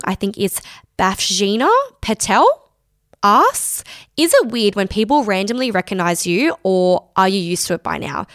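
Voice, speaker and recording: A woman's voice: medium pitch, fairly bright tone. A young woman in her twenties hosting a solo Q&A podcast, chatting casually and using "like" a lot. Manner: chatty, filler-heavy with lots of "like". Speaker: podcast host.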